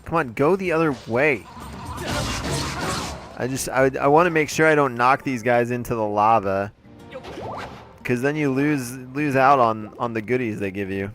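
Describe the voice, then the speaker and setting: A let's play host offers casual, playful gameplay commentary in a medium-pitched male voice at normal speed, chatting with jokey asides and pausing often. He sounds slightly congested, his throat a little off, and music plays in the background.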